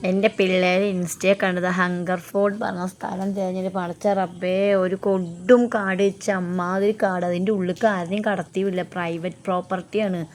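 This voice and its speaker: A woman's voice: on the low side, level tone, moderate pace, hardly any pauses. A woman chatting casually for a vlog, exclaiming often and mixing in English slang. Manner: Malayalam mixed with English slang; exclamatory, full of admiring interjections. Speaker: travel vlogger. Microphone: phone. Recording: noisy outdoor phone video.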